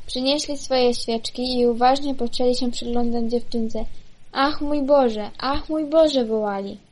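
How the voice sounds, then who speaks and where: A woman with a fairly high voice reads a children's fairy tale aloud. She takes her time, now and then tripping over a word and starting it again. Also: a little mellow. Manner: unhurried, with small stumbles and self-corrections. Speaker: storyteller.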